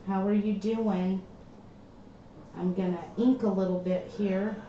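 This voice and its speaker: A woman hosting a casual livestream from her craft room, chatting slowly and trailing off, her voice hollow and tinny like inside a tin can. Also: medium pitch, fairly even intonation. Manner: slow, chatty, trailing off mid-sentence. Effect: hollow tinny sound, like inside a tin can. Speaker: livestream host. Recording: echoey, dull lo-fi stream audio with faint background noise.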